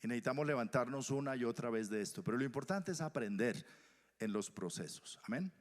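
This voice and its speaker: Pastor preaching in a reverberant hall. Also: male voice, mid-range voice, animated, fairly quick. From Colombia. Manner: shifts from loud emphatic to soft whispers. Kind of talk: sermon. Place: church hall.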